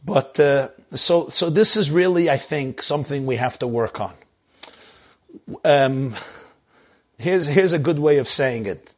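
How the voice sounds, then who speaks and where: Male rabbi, high voice, animated preaching, emphatic rhetorical questions, Hebrew and phrases. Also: measured pace, long pauses. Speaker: rabbi giving a talk. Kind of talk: animated sermon on a video call. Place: video call.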